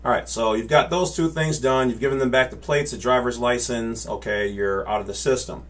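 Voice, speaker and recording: Sitting in his home office among bookshelves and monitors, a man in his forties explains things casually to his desk webcam for his channel. He talks briskly in a medium-pitched, slightly bright voice, using his hands and tacking "all right?" or "okay?" onto his points.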